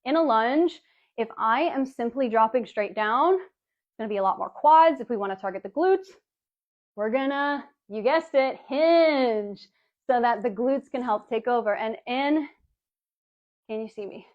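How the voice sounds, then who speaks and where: A woman's voice: a little high, unhurried. A woman fitness coach giving a casual live workout demonstration, chatty and breezy, calling her viewers baby and girlies. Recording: dull lo-fi livestream audio.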